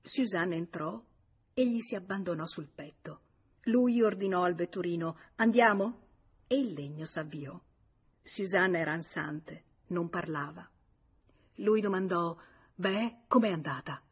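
A woman narrating a literary audiobook in an expressive storytelling manner. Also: on the low side, unhurried, breathy edge. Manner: expressive storytelling, acting out dialogue.

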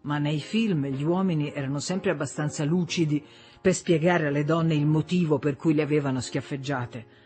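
A reader narrating a literary novel as an audiobook, in a measured, expressive way. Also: medium pitch, soft background music.

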